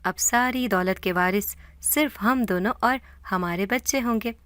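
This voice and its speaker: A woman narrating a scripted horror story in a dramatic, steady way. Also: medium pitch, no echo.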